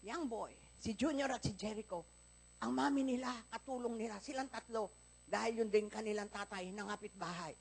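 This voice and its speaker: High-voiced Filipino woman pastor preaching. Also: brisk, vocal fry, slightly rough. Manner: animated storytelling, acts out dialogue in quoted voices. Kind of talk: Sunday sermon. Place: church service, recorded live.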